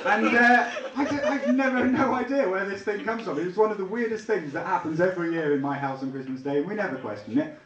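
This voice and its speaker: Lively high-voiced comedian with a Leicester accent. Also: male voice, recorded from a distance, lo-fi sound. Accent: Leicester with a Liverpool tinge. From England. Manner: chatty, bantering with the crowd, bursts into excited yelps. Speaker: stand-up comedian. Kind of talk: stand-up comedy routine. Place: small theatre lounge with a live audience. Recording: echoey room, recorded from afar.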